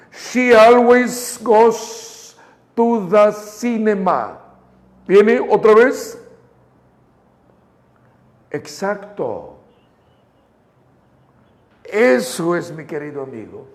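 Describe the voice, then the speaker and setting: A man with a Mexican Spanish accent teaches English in a live online class, talking in a high voice. He speaks very slowly and deliberately. He counts his students in and has them repeat phrases. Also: a little mellow. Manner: coaching students through drills, counting them in.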